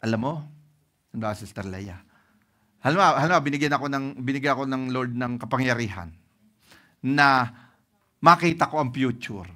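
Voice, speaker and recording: A man's voice: mid-range voice, a little fast, pauses often. A man with a Filipino accent preaching a sermon as pastor, telling stories and often checking in with the congregation. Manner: lively storytelling with frequent "ano?" and "no?" checks to the congregation.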